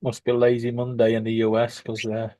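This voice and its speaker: A man hosting a relaxed live stream, trading wry remarks and the odd curse with friends. His voice sits at an everyday middle pitch. The sound is close and dry. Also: brisk, dry recording. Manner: chatty, wry banter with swearing asides. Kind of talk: casual live stream chat.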